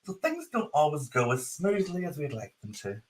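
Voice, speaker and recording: A man's voice: on the high side, sing-song, moderate pace. A man with a strong Northern Irish accent, hosting a live podcast in a casual, chatty style. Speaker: podcast host. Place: office. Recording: roomy echo on the voice.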